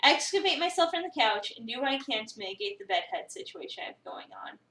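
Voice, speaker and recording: A woman streamer reads a visual novel aloud with flair, acting out the lines and chatting casually between them. Her voice sits high with lively intonation, a quick pace and a sharp tone. She's far from the mic, so the room's echo is noticeable.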